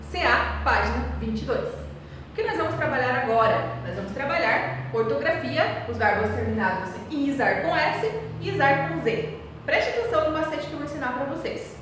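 High-voiced woman teacher in an echoey hall. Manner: asks rhetorical questions and answers them; spells out letters and repeats key points. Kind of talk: recorded remote class lesson. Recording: echoey hall, voice far from mic, faint noise.

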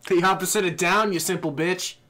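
A man's voice: high voice, fairly even intonation, brisk, pushed and bright. A man cracking crude jokes as a let's play co-host. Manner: crude wisecracks. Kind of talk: joking game commentary.

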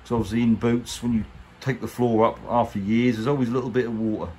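Recorded handheld in a workshop with clear background noise, a man with an English accent delivers a chatty, colloquial hands-on tutorial. He's a boat restorer presenting a how-to, speaking quickly in a medium-pitched, dark voice with a steady tone and a casual, plain-spoken manner.

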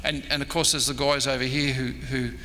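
Speaking in a brisk, flat, mid-range voice with a bright, forceful tone, an Australian man in his sixties gives an unscripted talk at a convention. He's a historian who wanders along hesitantly and self-deprecatingly, fielding audience questions. Recorded in an echoey indoor meeting room with background noise.

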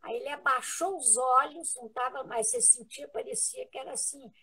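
A woman with a Brazilian Portuguese accent, a guest in a live interview, telling a personal story in an earnest, halting way with many restarts. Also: high-pitched, animated, bright, forceful tone, breathy edge, poor audio.

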